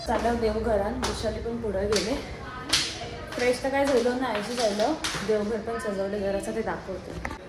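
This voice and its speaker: A woman with an Aagri Marathi accent, chatting casually for her vlog and calling out to family members in a lively, coaxing way. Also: on the high side, moderate pace. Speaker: vlogger. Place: outdoors at a crowded temple festival. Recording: noisy outdoor phone recording with crowd.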